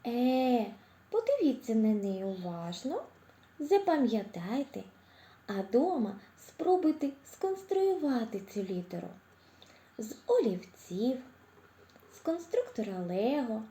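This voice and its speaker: A woman speech therapist with a Ukrainian accent giving a slow, clear lesson for small children, cheerful and encouraging, pronouncing each sound with care. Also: a little high, sing-song, echoey room. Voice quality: articulates sounds with care, drawn-out vowels. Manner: drops to a whisper to show quiet sounds. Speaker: speech therapist teaching preschoolers.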